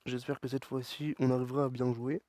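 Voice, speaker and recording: A man commentating his wrestling video game, excitable and talking back to the characters on screen. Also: mid-range voice, fairly quick, dry recording. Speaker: gaming YouTuber. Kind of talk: let's play commentary.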